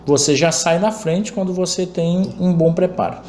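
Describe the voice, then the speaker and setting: A man's voice: sits high, normal speed, darkish tone. A man from Pará, Brazil, hosting an interview and often voicing agreement. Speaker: interview host. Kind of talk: conversational interview. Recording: echoey room with faint noise.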